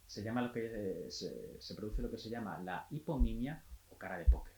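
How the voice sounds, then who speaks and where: Man explaining in a mellow, echoey voice. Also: on the low side, normal speed. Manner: explanatory, calm, with small restarts. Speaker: physiotherapist. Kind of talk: health talk.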